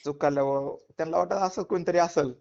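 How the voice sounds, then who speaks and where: A kirtan performer from Latur, Maharashtra, India, gives his side of a dispute in a recorded phone interview, speaking emphatically with a Marathwada Marathi accent and often repeating phrases. His voice is on the high side, creaky and darkish, at a quick pace, captured as a muffled lo-fi phone call.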